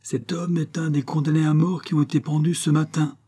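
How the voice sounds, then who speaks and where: A man's voice: mid-range voice, lively intonation, normal speed, gravelly, dark tone, breathy edge. A man reading a storybook and voicing a young doctor who is shaken but firm, with urgent, commanding exclamations.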